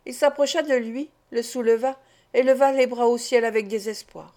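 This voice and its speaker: A woman narrating an audiobook in a measured, expressive way. Her voice sits a little higher than average. She reads steadily, with a scripted storytelling cadence. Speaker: audiobook reader.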